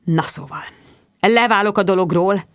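Expressive woman narrating a novel. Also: mid-range voice, no echo, studio quality. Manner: expressive, intimate storytelling reading. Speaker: audiobook narrator. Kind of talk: first-person audiobook narration.

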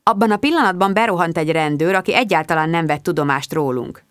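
A woman narrating a first-person audiobook in a lively, expressive reading. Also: fairly low pitch, dry recording, studio quality. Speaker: audiobook reader.

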